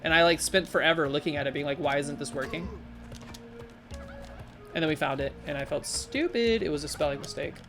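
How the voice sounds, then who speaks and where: Chatty streamer woman with bouncy pitch. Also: quick pace, hardly any pauses, music in the background. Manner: chatty and rambling, with frequent fillers; animated, with sudden jumps in pitch. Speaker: live streamer. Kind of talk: casual live-stream chat while gaming and reading chat.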